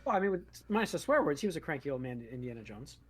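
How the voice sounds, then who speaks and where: A man co-hosting a movie podcast, putting in quick, teasing remarks in casual chat. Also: on the high side, sing-song. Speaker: podcast co-host.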